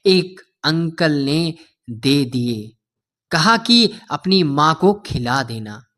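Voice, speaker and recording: A man doing a gentle pleading small boy. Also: fairly high pitch, expressive, extremely slow, exaggerated voice. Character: poor eight-year-old boy, gentle and devoted.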